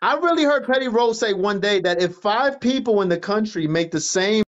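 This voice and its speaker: A man's voice: high-pitched, animated, normal speed. A man with a New Jersey accent talking casually and emphatically on a livestream, repeating his points into a phone. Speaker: livestream host. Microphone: phone at arm's length. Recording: dull lo-fi livestream phone audio.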